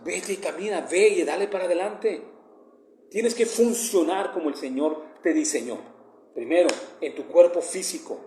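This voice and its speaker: A man's voice: high voice, warm tone, roomy sound, slight background noise. A man with a northern Mexican accent, giving a devotional meditation in a conversational, earnest way that often turns emphatic. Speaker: preacher.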